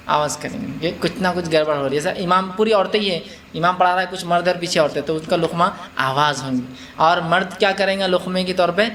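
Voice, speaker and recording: Guy preaching a religious talk, pretty high voice, chatty, keeps asking the crowd stuff. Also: bright, forceful tone. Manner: conversational, asks the audience questions, mixes in English words; acts out quotes with laughter. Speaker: Islamic preacher. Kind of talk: religious lecture to a live gathering.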